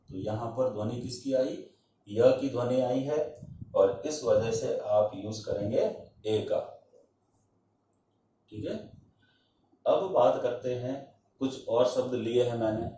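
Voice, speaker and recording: A man's voice: medium pitch, dark tone. Man teaching in a very echoey room. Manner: asks questions and answers them himself. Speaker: English teacher. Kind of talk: classroom grammar lesson. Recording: distant mic, dull sound, very echoey room with faint hiss.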